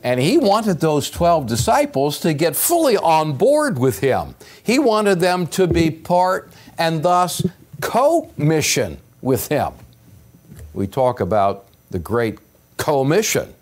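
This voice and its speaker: An older American pastor delivers an earnest, emphatic sermon into a pulpit microphone in a church sanctuary. His fairly high voice is very animated, punctuated by pauses and rising stresses.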